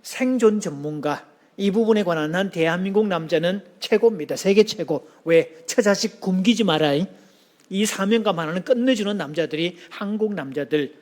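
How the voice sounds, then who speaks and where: High-voiced man preaching a sermon. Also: normal speed, darkish tone. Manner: engaging, asks the congregation questions and leads call-and-response. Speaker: pastor.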